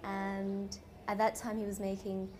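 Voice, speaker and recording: A young woman from Hong Kong, a film actress, answering interview questions in short, soft replies with frequent giggles. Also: medium pitch, completely flat delivery, a little slow, a little hiss or hum. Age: young adult.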